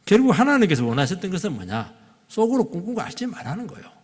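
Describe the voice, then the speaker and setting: A middle-aged man preaching a Sunday sermon as a pastor, animated and acting out quoted dialogue. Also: sits high, quick pace, breathy edge. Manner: animated, acts out quoted dialogue in shifting voices. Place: church sanctuary. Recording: long reverb of a church hall.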